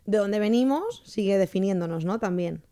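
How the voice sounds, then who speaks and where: Chatty woman with a mellow voice. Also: mid-range voice, expressive, normal speed, clear, resonant tone. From born in Canada, raised in Spain. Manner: chatty, leads the talk with questions. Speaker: podcast co-host. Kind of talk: casual podcast chat. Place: farmhouse among orange trees.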